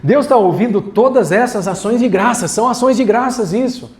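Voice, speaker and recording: High-voiced joking pastor preaching. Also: male voice, normal speed. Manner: casual, joking, talks straight to the congregation. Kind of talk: sermon. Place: church hall.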